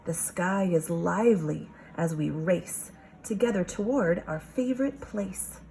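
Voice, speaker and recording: A kindergarten teacher with a fairly low voice reads a picture book aloud to young children, going a little slowly and reading expressively. She pauses to ask questions and explain things, and the rough recording has noticeable background noise.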